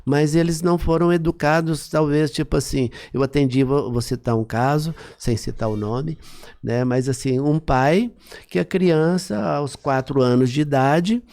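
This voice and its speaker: A man's voice: fairly high pitch, normal speed, darkish tone. A man, a psychologist guest on a podcast, explaining things in a teaching manner and often checking that he is understood.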